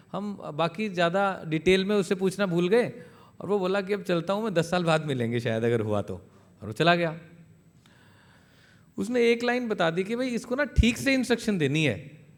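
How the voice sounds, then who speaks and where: Male invited speaker, storytelling speech, slightly high voice for a man, stage mic in an event hall. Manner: storytelling, grows loud when acting out the scene. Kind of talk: public speech with a told anecdote.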